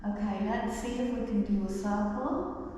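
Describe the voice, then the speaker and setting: A woman leading a guided stretching class with meditative cues, speaking in a gentle, reassuring and unhurried way. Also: mid-range voice. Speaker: movement and stretching instructor. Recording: very echoey reverberant room, distant, faint noise.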